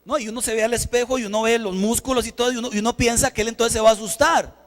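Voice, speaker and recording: High-voiced pastor telling a story. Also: male voice, rapid-fire, big-room sound. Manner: animated, acts out dialogue. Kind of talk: sermon storytelling. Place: church sanctuary.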